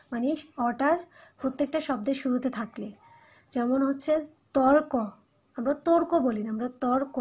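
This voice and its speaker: A woman's voice: on the high side, darkish tone, breathy edge. A woman teacher with a Bangladeshi Bengali accent giving a recorded lecture, explaining step by step and repeating example words for emphasis. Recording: dull lo-fi recording.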